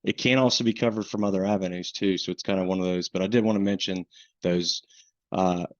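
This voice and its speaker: A man with a Southern US accent leads a webinar in a loose, conversational way, often restarting his sentences. His voice sits low, and it comes over a dull, lo-fi call line with a dry, close sound. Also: fairly even intonation, a little fast, no echo. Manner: casual, with frequent restarts and fillers. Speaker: flood insurance program manager, webinar presenter. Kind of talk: webinar presentation.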